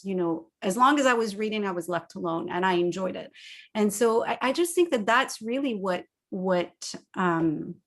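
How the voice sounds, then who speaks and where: A middle-aged woman from Morocco, interviewing an author in a thoughtful, measured way over a video call. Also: mid-range voice. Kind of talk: casual conversation.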